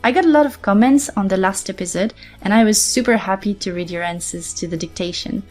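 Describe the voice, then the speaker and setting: A woman hosting a podcast language lesson, explaining step by step and slowly repeating example phrases. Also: mid-range voice, darkish tone, faint music behind. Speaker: French teacher and podcast host.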